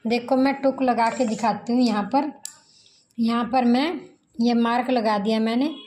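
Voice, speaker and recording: A woman teaching tailoring in a slow, repetitive sewing tutorial, counting measurements aloud as she cuts fabric. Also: fairly high pitch, steady tone, a little mellow, slight background noise, rough recording.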